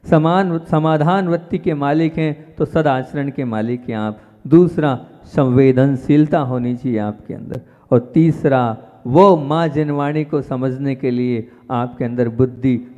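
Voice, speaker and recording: A man, a Jain monk, giving a sermon and speaking to his listeners directly, with emphatic jumps in pitch and loudness on key words. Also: fairly even intonation, measured pace. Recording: dull reverberant hall sound.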